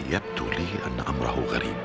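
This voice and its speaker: An actor playing a suspicious, commanding ship captain in a dramatized religious story. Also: male voice, a bass voice, quick pace, gravelly. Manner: commanding, probing. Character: gruff, suspicious ship captain giving orders. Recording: loud music over the voice.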